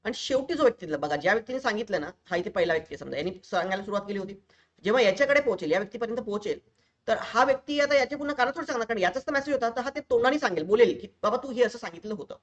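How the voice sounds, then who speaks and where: A man's voice: high-pitched, expressive, racing, a bit bright. A man teaching exam preparation in a recorded online lecture, explaining each step and speaking directly to his students.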